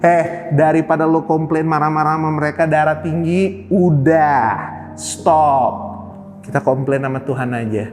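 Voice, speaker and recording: A man's voice: a little high, steady tone, unhurried, darkish tone. A male pastor giving a casual online sermon, slangy and playful, dropping in English phrases. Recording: long reverb with faint music.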